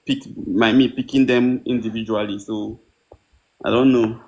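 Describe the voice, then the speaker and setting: A man's voice: medium pitch, fairly even intonation, moderate pace, a little mellow, highs cut off. Male caller, hesitant and unsure, trails off mid-thought, asking an investment coach for help. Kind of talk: call-in question.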